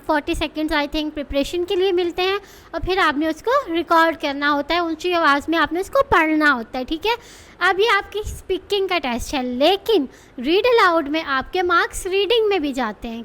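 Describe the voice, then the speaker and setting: A woman with a very high-pitched voice teaches in a casual, chatty way. She keeps checking in with her viewers and asks herself questions before answering them. She slips English terms into her explanations. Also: sharp tone. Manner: explains with many rhetorical questions and check-ins; mixes English terms into Urdu speech. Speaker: English test tutor.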